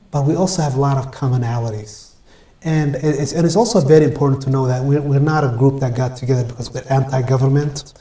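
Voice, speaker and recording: A man from Ethiopia, a guest in an interview, answering in a measured way with many pauses and fillers. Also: medium pitch, warm tone. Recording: roomy echo.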